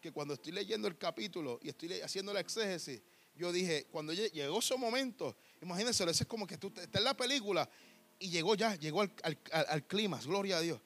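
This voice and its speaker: A male preacher delivering a sermon, emphatic, swinging from soft to shouting and dropping in English words. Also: high voice, lively intonation, fast talker.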